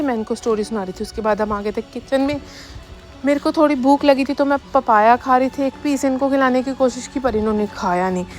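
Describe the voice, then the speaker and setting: Fast-talking young mom narrating a vlog. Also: female voice, fairly high pitch. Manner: fast, chatty, addresses viewers directly. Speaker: family vlogger. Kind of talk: casual voice-over narration of daily life. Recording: voice-over with faint background music.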